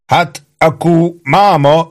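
A man's voice: a little high, pitched above the performer's own voice, lightly acted. A man voicing a bossy, suspicious army sergeant who bellows orders in rustic, slurred speech. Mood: commanding.

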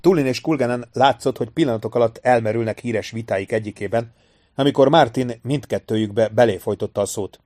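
A man's voice: medium pitch, dark tone, no echo, clean studio sound. Man reading an audiobook steadily. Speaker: audiobook narrator. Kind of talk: scripted narration.

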